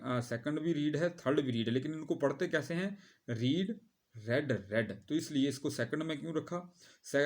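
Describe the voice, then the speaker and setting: A man teaches a grammar lesson to his students in a patient, explaining tone. He calls the class to look at the board, spells out word endings letter by letter, and fills his pauses with hesitations. His voice sits at a middle pitch for a man. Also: a little mellow. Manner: addresses students directly, spells out words slowly, frequent hesitations.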